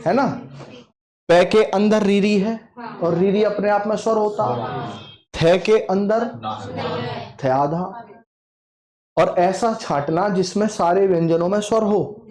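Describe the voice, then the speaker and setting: Slow and emphatic, this male Hindi teacher has a high-pitched voice with a darkish tone. He drills his exam-prep class by saying questions and answers out loud again and again.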